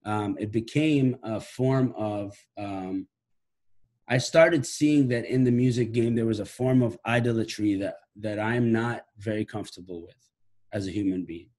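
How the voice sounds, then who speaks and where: Speaking from his living room on a laptop webcam call, a late-thirties Iraqi man who works as a musician and professor talks thoughtfully to the camera. His voice is lowish, unhurried and a bit mellow, and he frequently starts phrases over.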